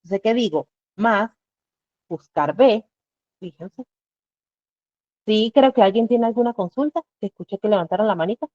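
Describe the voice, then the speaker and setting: A woman's voice: mid-range voice, lively intonation, normal speed, long pauses, no echo. A woman giving a live online Excel class, explaining step by step and asking herself rhetorical questions as she goes. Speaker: Excel instructor. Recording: dull lo-fi dry recording.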